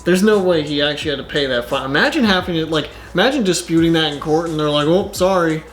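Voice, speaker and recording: Rambling man with a higher voice. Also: fast, a bit bright, soft background music. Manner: rambling, filler-heavy, exasperated. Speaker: YouTuber. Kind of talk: casual reaction commentary.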